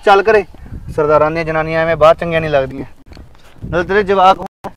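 Man playing a jealous domineering husband, high voice, rapid talk, scolding. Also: a little hiss or hum, close to an everyday voice. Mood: angry. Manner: scolding, accusing. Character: jealous domineering village husband, quick to anger. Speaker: husband, landowner. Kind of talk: village short film acting.

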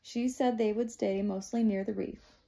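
Gravelly-voiced woman reading a novel. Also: medium pitch, moderate pace. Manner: steady, plain storytelling. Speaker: audiobook reader. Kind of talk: first-person novel narration.

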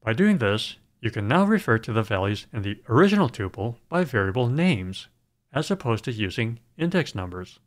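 A man narrating a scripted programming screencast in a calm, measured way. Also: medium pitch.

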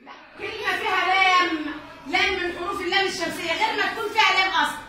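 A woman's voice: extremely high pitch, very fast, background noise. A woman teacher with an Egyptian Arabic accent, leading a classroom reading lesson and patiently drilling her pupils with repeated questions. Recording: echoey classroom, distant mic.

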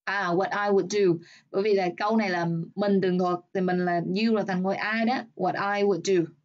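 A woman with a Vietnamese accent, teaching an English exam review lesson, explaining step by step and reading English examples slowly. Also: medium pitch, steady tone, lo-fi sound.

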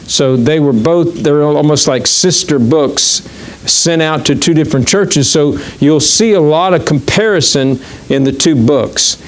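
A man preaching a sermon as pastor, reading scripture quickly and slowing down to stress key words. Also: a little high. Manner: reads verses quickly, then slows to stress key words. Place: church.

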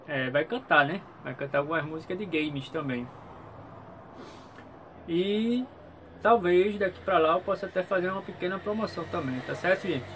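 Guy w vlogging in a small room, kinda high voice, repeats himself, some background noise. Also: animated, moderate pace, fairly bright tone. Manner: hesitant, repeats himself, frequent checking tags. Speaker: YouTube channel host. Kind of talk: casual vlog update to viewers. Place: small room at home, indoors.

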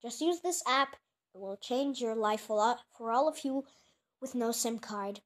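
Speaking at normal speed with a fairly high pitch, a woman creator looks back at her old clips. She chats casually and keeps mocking herself along the way.

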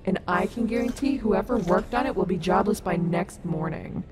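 A woman's voice: fairly low pitch, normal speed, close to an everyday voice. A woman playing a caring, sassy robot wolf animatronic in an ASMR audio roleplay, soothing and reassuring with a wry streak. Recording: noticeable background noise.

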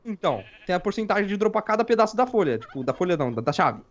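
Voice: medium pitch, sing-song, rapid-fire, lo-fi sound, slight background noise. A gamer playing Minecraft with a friend, insistent and shrieking in panic. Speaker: gaming partner. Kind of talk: excited Minecraft let's play chat.

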